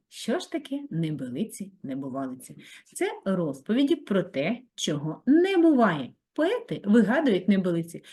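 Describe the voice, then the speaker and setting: A woman's voice: medium pitch, darkish tone. Lady teacher doing an online reading class for little kids, voice bouncing up and down, sing-song. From Ukraine. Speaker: primary school reading teacher. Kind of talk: recorded video reading lesson for children.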